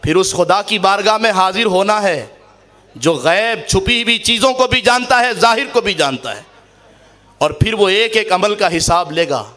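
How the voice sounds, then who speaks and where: A man preaching a sermon to a gathering, impassioned, swinging between loud emphatic shouts and low earnest tones, and slowly reciting Arabic verses. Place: mosque or madrasa gathering.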